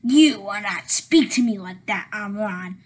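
A woman's voice: mid-range voice, expressive, measured pace, slightly rough, voice pushed down. A woman voicing a threatening male henchman boss in a family audio drama, speaking in a commanding manner. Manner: commanding, menacing.

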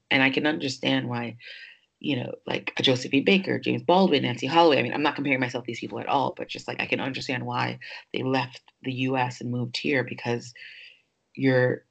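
A woman's voice: a bass voice, gravelly, breathy edge. A woman who grew up in New York hosts a podcast, speaking in a casual, reflective way with many fillers as she thinks aloud. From New York, United States. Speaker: podcast host.

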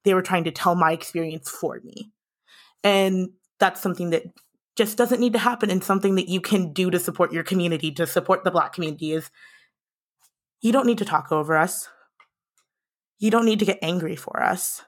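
An American podcast host, a young adult woman with a lowish voice, delivers an impassioned monologue a little fast. She speaks earnestly in a breathless rush, often restarting her sentences.

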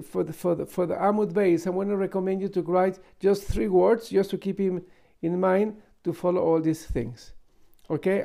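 A male teacher with leads an informal Talmud lesson. His voice sits high for a man, with a gravelly creak and a mellow, unforced tone. He explains point by point, breaking off for asides and checking questions. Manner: didactic, with rhetorical questions and asides.

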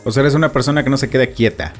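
A male podcast host with a medium-pitched voice. He greets listeners warmly and asks his guest questions in a friendly way. Soft music plays underneath. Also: rapid-fire. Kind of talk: podcast interview.

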